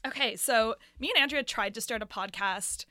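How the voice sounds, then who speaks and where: A woman co-hosting a casual comedy podcast in a voice with vocal fry, joking dryly at her own expense and swearing freely. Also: a little high, normal speed, pushed and bright, no echo. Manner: self-deprecating, sweary, dry joking. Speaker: podcast co-host. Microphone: close podcast microphone on a stand.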